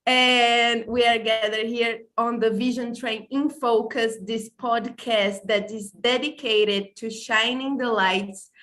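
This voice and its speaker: A Brazilian woman, not a native English speaker, hosts a casual online podcast livestream over a video call in English. Her fairly high voice moves slowly with fairly even intonation, and she's warm and effusive, often stumbling, pausing to correct herself, and apologizing.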